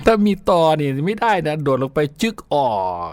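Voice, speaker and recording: Folksy childhood stories come from a radio host whose voice is fairly high-pitched and expressive, at a moderate pace. He keeps it chatty and laughs often, with faint music in the background.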